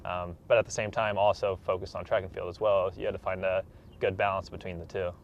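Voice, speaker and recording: Speaking at a quick pace in a deep, gravelly voice with a level tone, a man in his 20s answers casually as a professional track athlete guesting in an interview. The recording was made in a room and sounds dull and slightly noisy.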